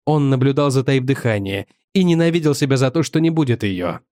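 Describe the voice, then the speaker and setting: A man reading a short story aloud as an audiobook narrator, in a measured, dramatic way. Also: medium pitch, lively intonation, darkish tone, dry recording, studio quality. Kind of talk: scripted narration.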